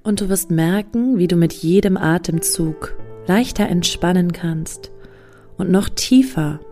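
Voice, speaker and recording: A woman leading a guided meditation softly and soothingly, close to the listener's ear with breathy phrases and long pauses. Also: fairly low pitch. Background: soft music.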